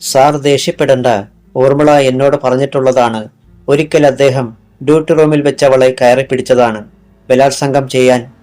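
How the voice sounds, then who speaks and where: A smooth, evasive male doctor in an audiobook thriller, read by a man. He stays polite and calm, brushing off every charge. Faint music runs behind him. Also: medium pitch, normal speed, natural voice.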